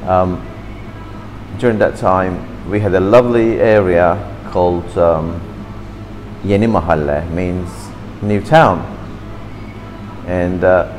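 This interview features a low-voiced, slow-speaking man in his fifties from Turkey, animatedly recalling his childhood in slightly broken English while gesturing. He sits at a table in a café, filmed by a camera opposite him. The recording is low quality, with slight background noise and a big-room sound.

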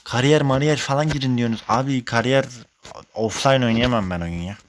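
A young man talks over his own football video game match as he plays. He sounds exasperated and curses often, breaking into loud frustrated outbursts. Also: mid-range voice, a little fast, slight background noise. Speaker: gaming YouTuber. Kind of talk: live gameplay commentary.

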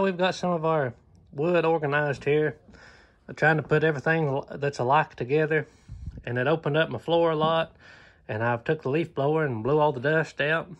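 A slightly high-voiced man in his thirties with a drawl, easygoing and plainspoken as he narrates his chores. He fills pauses with "uh" and keeps a relaxed homestead-vlog pace, speaking into a phone camera held at arm's length in an open wooden barn. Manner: easygoing, plainspoken, many "uh" fillers. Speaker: homesteader vlogger. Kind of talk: casual walkthrough narration.

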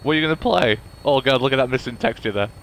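A man's voice: mid-range voice, lively intonation, quick pace, vocal fry, a bit bright, slight background noise, rough recording. Chatty man narrating his gameplay. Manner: chatty, humming tunes, self-deprecating asides. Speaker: let's play host. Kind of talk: casual gameplay commentary.

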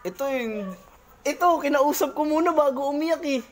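A woman's voice: high voice, normal speed. A woman vlogging casually among friends, teasing and badgering with repeated questions and crude swearing. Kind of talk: casual group vlog banter.

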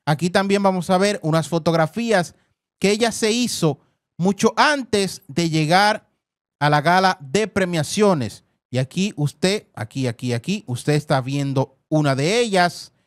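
An effusive man hosts a celebrity news segment, talking over clips and addressing viewers as family. His voice sits somewhat high for a man. The recording is close and dry, with no room sound. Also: lively intonation, a little slow, no echo. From Dominican Republic. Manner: effusive, repeats words, calls viewers "family". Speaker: entertainment news host.

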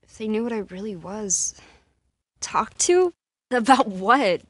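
An actress voices a young adult American woman with powers in a video game, a guarded and distressed character who sounds bitter and sarcastic. Her delivery is breathy and emotionally expressive, medium in pitch and slow.

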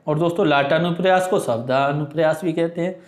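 Man, grammar teacher, patient and repetitive, slightly high voice, roomy echo. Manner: explains slowly, addresses viewers as friends, reads examples aloud. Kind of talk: exam-prep Hindi grammar lesson.

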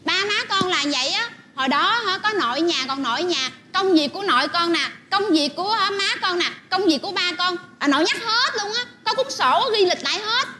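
A man voicing a young grandchild in a comedy sketch, chatty and quick. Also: animated, pushed and bright, a little hiss or hum, exaggerated voice. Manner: quick, high chirpy child talk.

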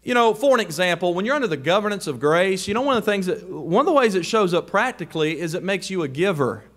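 Male preacher, high tenor register, emphatic sermon delivery. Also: expressive, quick pace, fairly bright tone. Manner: emphatic, rising to raised questions.

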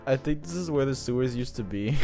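Brief: young male gamer, animated and playful, mid-range voice, faint music bed. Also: medium pitch, fairly quick. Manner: animated, playful, shouts at the game. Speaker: gaming video creator. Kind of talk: excited gameplay commentary. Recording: game music playing softly behind.

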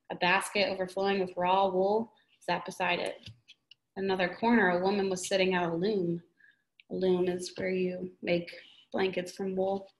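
A woman's voice: mid-range voice, reverberant. A woman teacher reading a children's novel aloud, with small slips and restarts. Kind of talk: read-aloud storytelling.

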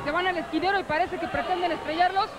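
A woman with a Mexican accent giving animated, opinionated live commentary as a wrestling commentator. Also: very high voice, fast. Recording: noisy TV broadcast, loud arena crowd. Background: loud crowd and arena noise.

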